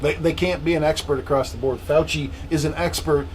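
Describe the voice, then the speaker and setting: A man's voice: fairly high pitch, steady tone, fairly quick, a little hiss or hum. A man with an American accent talking bluntly in a casual opinionated discussion, repeating phrases for emphasis. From USA: South Carolina, Texas and Michigan. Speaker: panelist on a discussion show.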